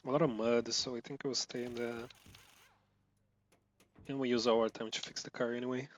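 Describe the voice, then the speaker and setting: A Brazilian gameplay streamer rambles casually while playing a racing game, running his words together, swearing, and bursting out loudly at his mistakes. His voice is medium-pitched with a level tone and a moderate pace.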